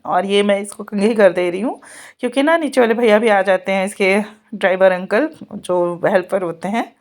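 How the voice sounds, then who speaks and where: Laughing frequently, the vlogger mom, a woman in her thirties, talks casually while getting her kids ready in a home vlog. She speaks in a mid-range voice at a moderate pace.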